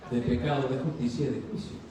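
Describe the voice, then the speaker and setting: A male pastor with a mid-range, mellow voice and fairly even intonation preaches fast in a church sanctuary. He asks the congregation questions and answers them himself, acting out short dialogues with a rising voice. A distant mic in the very echoey church picks up a little hiss or hum.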